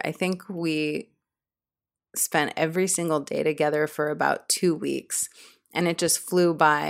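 Young woman podcast host, chatty, loose, upbeat, lowish voice. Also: vocal fry. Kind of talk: casual podcast interview. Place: indoor room in Bali.

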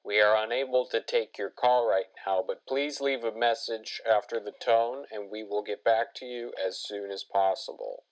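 A man's voice: on the low side, steady tone, moderate pace, few pauses, poor audio. A man voicing a formal department voicemail greeting, heard as a recording over a landline phone.

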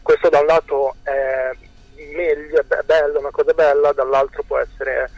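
A young man, a musician guest, answering interview questions over the phone, hesitant and full of drawn-out fillers. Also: a little high, level tone, dry recording, rough recording.

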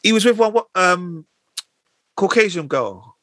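A man's voice: high-pitched, animated, unhurried, fairly bright tone, no room sound. A man with a London accent in heated, slangy casual banter, arguing his points. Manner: slangy, argumentative.

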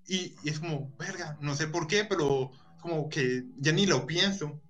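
A man's voice: on the high side, measured pace, fairly bright tone. Rambling Colombian man, casual guest. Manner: rambling, filler-heavy, earnest. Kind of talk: casual chat.

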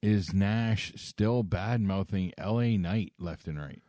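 Male podcast co-host, somewhat low voice, casual, laughs easily, short agreeing replies. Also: slow, warm tone, no echo, studio quality. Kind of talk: casual chat.

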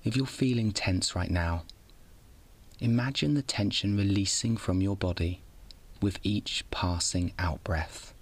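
A man with a low voice guides a bedtime meditation in the manner of a sleep story narrator. He gives each instruction calmly and without hurry, keeping a soothing tone. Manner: calm, soothing, unhurried instruction.

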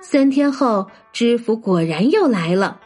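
A woman telling a traditional folk tale as a children's storyteller, in an expressive, lively way. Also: a little high, measured pace, faint music behind. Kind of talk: storybook narration.

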